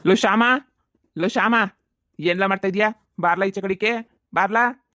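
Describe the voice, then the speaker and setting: A man voicing a pushy, foul-mouthed moneylender in a cartoon comedy, shouting and threatening. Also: a little high, fairly even intonation, fast talker, dry recording, lightly acted. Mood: demanding.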